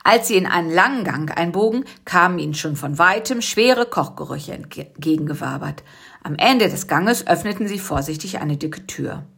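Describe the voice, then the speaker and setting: A woman's voice: on the low side, expressive, moderate pace, vocal fry, fairly bright tone, breathy edge. Woman reading a children's story. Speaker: audiobook narrator.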